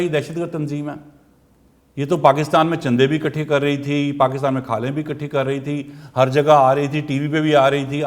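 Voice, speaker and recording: A man, delivering a political commentary monologue, firing pointed rhetorical questions. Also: fairly high pitch.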